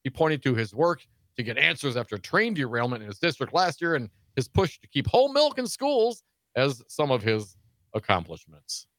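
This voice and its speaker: A man co-hosting a political talk show, laughing easily and tossing in quick, playful replies while reading news. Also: mid-range voice, very animated, fairly bright tone, no room sound. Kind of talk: casual political banter.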